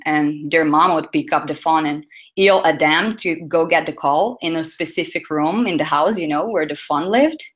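A woman's voice: fairly low pitch, fairly bright tone. A woman in her thirties, a UX designer, giving a conference talk in a chatty way with many fillers and self-corrections. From Brazil.

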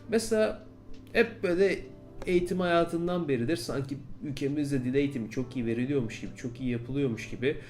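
A man's voice: medium pitch, darkish tone. A man, an English teacher, talking in a casual podcast style, often repeating and rephrasing his points.

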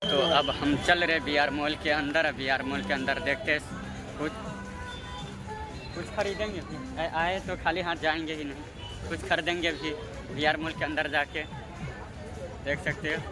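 A young adult vlogger, a native Maithili speaker, talks a little slowly and pauses often, his slightly high voice fairly even in intonation, with loud music and a noisy crowd behind him. He chats casually and repetitively to his phone held at arm's length while walking along roads and inside a large busy mall. The handheld recording is full of loud urban ambience, vehicles and mall sound.

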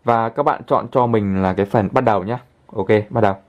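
Low-voiced guy walking you through an app, super chatty, keeps going "here, there", kinda dull lo-fi sound. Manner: chatty, fills pauses with constant "đấy" and "đây". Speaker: channel host, tutorial presenter. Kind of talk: casual screen-recorded app tutorial.

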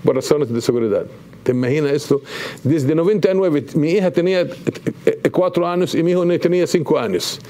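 A man, speaking as an ambassador guest in a TV studio, impassioned and halting with restarts. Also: fairly high pitch, warm tone. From Palestine. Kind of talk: TV studio interview. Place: TV news studio.

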